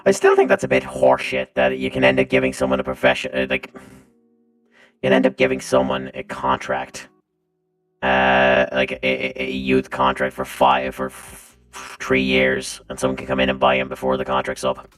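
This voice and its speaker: A man's voice run through a metallic robotic filter that drops it to an extremely low pitch. He talks loudly and casually, joking and cursing as he chats to viewers. Faint music plays underneath. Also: completely flat delivery, moderate pace, rough recording. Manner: loud, swearing, joking. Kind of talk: casual live-stream chat.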